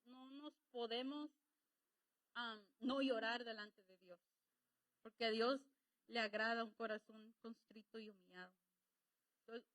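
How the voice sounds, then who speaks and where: A woman's voice: a little high, a bit bright, rough recording. A woman preaching a sermon in Latin American Spanish, conversational and emotional, with rising emphasis.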